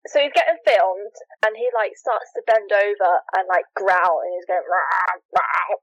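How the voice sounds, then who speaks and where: A woman co-hosting a podcast, telling stories in an animated, casual way and laughing often. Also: medium pitch, moderate pace, no echo. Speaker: podcast co-host. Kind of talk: casual chat. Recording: dull, dry lo-fi sound.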